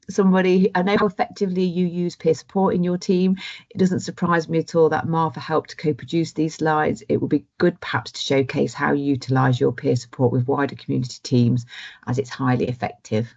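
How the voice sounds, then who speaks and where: A woman's voice: low-pitched, fairly even intonation, a little fast, creaky, a little mellow. A woman hosting an online webinar, reading out audience questions and thanking the speakers. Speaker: webinar host. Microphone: video call. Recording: dull lo-fi call audio.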